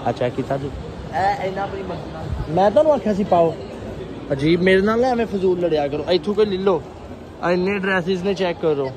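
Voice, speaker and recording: A man's voice: high voice, expressive, normal speed, low-quality recording. A young man with a Punjabi accent, joking and teasing as he vlogs into a phone held at arm's length while walking through a busy mall. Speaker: vlogger. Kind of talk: casual vlog. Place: busy shopping mall and outdoor promenade. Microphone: phone camera at arm's length. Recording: crowd and street noise behind. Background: crowd chatter.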